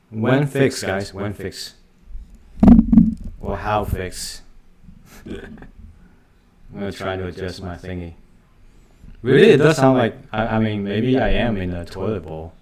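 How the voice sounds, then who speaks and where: A man's voice: fairly low pitch, lively intonation, unhurried, long pauses, darkish tone. A man hosting a casual livestream, chatting to viewers while his mic carries a heavy doubled echo. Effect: heavy doubled room echo on the mic. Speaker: livestream host. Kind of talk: casual live chat with viewers.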